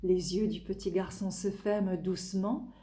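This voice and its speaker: A woman reading a picture book aloud to small children in a sing-song, expressive way, addressing them directly and stressing words dramatically. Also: medium pitch. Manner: expressive, slow dramatic emphasis. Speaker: storyteller for young children. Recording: echoey room.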